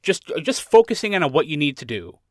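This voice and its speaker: Male podcast host, higher voice, lively pitch, enthusiastic chat. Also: quick pace, dry recording, studio quality. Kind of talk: casual chat.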